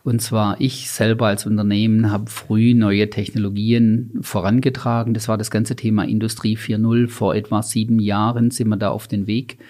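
Ruhiger Mann mit tiefer, dunkler Stimme. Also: male voice, lowish voice, little pitch movement, a little mellow. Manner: measured, deliberate delivery with lists. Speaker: company founder and guest expert. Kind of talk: interview answers.

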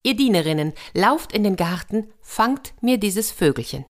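A woman's voice: on the low side, big pitch swings, moderate pace. A woman voicing a proud, stern young princess sorceress in a told fairy tale, speaking in a commanding tone. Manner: commanding, imperious.

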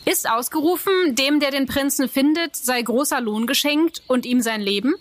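A woman's voice: sits high, moderate pace, lightly acted. A woman playing a commanding, victorious king in declamatory classical stage verse. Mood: imperious. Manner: imperious, declamatory. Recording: faint ambient noise.

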